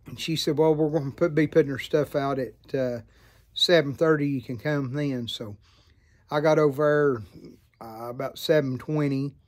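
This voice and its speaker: A man in his fifties with an American Southern accent, chatting to camera in an unhurried, folksy, rambling way. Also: a little high, fairly even intonation, darkish tone. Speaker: vlogger and hobby pipe maker. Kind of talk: casual chat to camera. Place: outdoors by a farm field.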